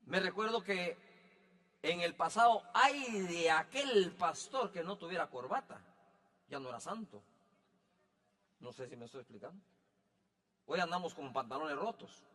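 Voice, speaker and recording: A male pastor delivering a sermon in a high, ringing voice with a bright, forceful edge. He keeps it chatty and humorous, stopping again and again to check that his listeners follow along. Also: lively intonation, unhurried, pauses often, big-room sound. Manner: conversational, joking, keeps asking if he is understood.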